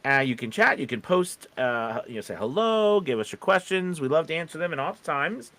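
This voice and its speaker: A man's voice: fairly high pitch, lively intonation, fairly quick, fairly bright tone. A man hosting a casual live stream, talking in a rambling way and often checking in with "you know" and "right". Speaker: live show host.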